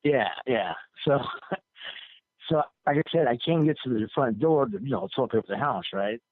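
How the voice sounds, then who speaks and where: A male caller tells a long story over a tinny phone line. He rambles, swears freely and circles back on his own words. His voice sits at an ordinary male pitch and sounds dry and close. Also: moderate pace, no echo. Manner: rambling, profane, repeats himself. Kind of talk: casual call-in storytelling.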